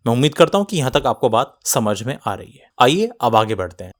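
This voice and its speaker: A man teaching a Hindi grammar lesson for exam students, explaining step by step and speaking directly to the class over a close voice-over mic. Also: mid-range voice.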